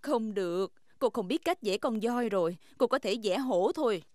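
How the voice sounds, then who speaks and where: A woman's voice: mid-range voice, expressive, moderate pace, darkish tone, no room sound, clean studio sound, lightly acted. A woman voicing a friendly adult lady rabbit talking to children in a dubbed cartoon. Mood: friendly, helpful. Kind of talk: dubbed preschool cartoon acting.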